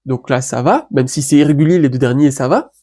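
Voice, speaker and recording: A man teaches biblical Greek grammar in a casual online lesson, his voice sitting at a medium pitch. He talks in a relaxed, chatty way, with plenty of fillers and restarts. He slows down to spell out word endings.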